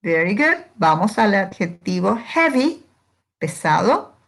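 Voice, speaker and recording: Slow, patient woman teaching English grammar. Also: mid-range voice, big pitch swings, gravelly, a bit bright. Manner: patient, asks questions and answers them herself. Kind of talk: slow, step-by-step grammar lesson.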